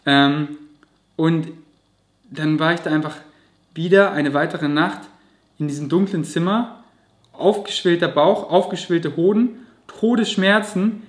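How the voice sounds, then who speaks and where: A man's voice: a little high, measured pace, long pauses. A man vlogging, telling a personal story to camera in a vivid, emotional way with casual swearing. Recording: roomy echo.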